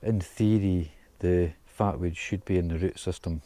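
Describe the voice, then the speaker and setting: Guy talking to camera in the woods, deep dark voice, chatty, bit puffed. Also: steady tone, moderate pace, no echo. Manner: chatty, thinking aloud while working. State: out of breath. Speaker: outdoors vlogger. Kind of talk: casual outdoor vlog narration. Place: outdoors in pine woods.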